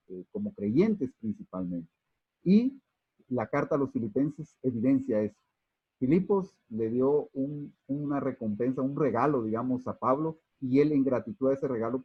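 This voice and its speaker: In an off-the-cuff Bible lecture, a man from Guatemala speaks with a husky, mid-range voice, stumbling over fillers and beginning sentences again. He addresses the group affectionately as brothers. There's no room sound, and the audio comes across dry and somewhat flat.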